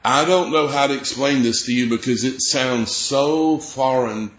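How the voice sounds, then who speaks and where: An earnest man preaches a sermon, walking his listeners through scripture and reading verses aloud. His voice has a middle pitch and rings in a roomy space. The sound is slightly dull. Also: unhurried.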